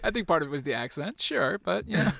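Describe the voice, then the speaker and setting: A man's voice: fairly high pitch, expressive, fast talker, creaky, a bit bright, no echo. A man chatting casually about a movie on a podcast, often chuckling as he talks. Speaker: podcast co-host. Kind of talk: casual movie-review chat.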